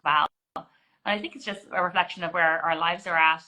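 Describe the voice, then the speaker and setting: A woman's voice: fairly low pitch, steady tone, a little fast, bright, forceful tone, low-quality recording. A woman in her forties, a GP, answering interview questions in an explanatory way with many restarts. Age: 40s. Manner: explanatory, frequent restarts and fillers.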